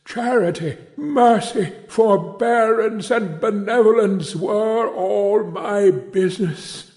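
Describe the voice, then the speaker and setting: A man's voice: high voice, slow pace, a little mellow, voice pushed up. A man voicing the anguished ghost of an old businessman bound in chains, solemn and grieving as he declaims his warnings. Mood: mournful warning.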